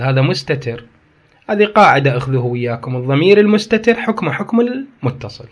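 A man with an Iraqi accent giving a grammar lesson, reading passages aloud and then explaining and disputing them, often repeating key phrases. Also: a little high. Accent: Iraqi Arabic. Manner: reads a text aloud, then explains and argues with it. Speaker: teacher. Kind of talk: grammar lecture.

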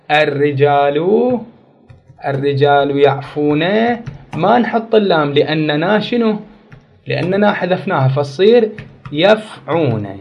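A man teaching an Arabic grammar lesson, repeating key words and quizzing his class with questions. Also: a little high. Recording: dull lo-fi recording.

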